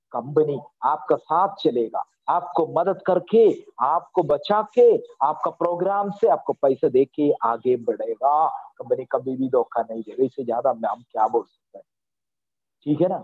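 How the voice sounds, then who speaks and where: A fairly high, husky male voice comes through thin, phone-like video-call audio. He gives an earnest, reassuring pep talk to company members and keeps checking that they agree. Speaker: company leader addressing members. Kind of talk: motivational pep talk in an online meeting.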